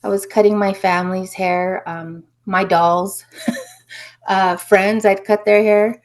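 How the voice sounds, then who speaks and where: Woman from new mexico chatting on a podcast, earnest, mid pitch, trails off soft at the ends. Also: fairly even intonation, slow. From New Mexico, USA. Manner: earnest, reflective, often trails off softly. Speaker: guest, spiritual healer. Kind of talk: casual interview storytelling.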